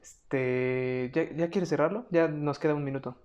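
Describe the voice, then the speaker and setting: A young woman with a Mexican accent and a distinctly low voice co-hosts a podcast. She chats off the cuff, using lots of slang and some swearing. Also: fairly even intonation, a little slow, darkish tone, highs cut off. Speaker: podcast co-host. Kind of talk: casual unscripted chat.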